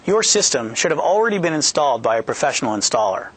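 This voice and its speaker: With faint music in the background, a man in his thirties fast-talks through a scripted, upbeat training presentation. He's a product manager on a studio set with a yellow backdrop, using a headset boom mic. His medium pitch swings widely, his tone is fairly bright, and he's jokey yet clear as he lays out the steps.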